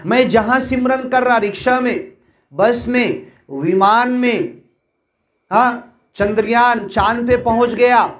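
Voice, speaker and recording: A man's voice: very high-pitched, takes it slowly, a bit bright. A man preaching a devotional sermon to a seated congregation, repeating phrases for emphasis. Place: large hall with an audience. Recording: echoey hall.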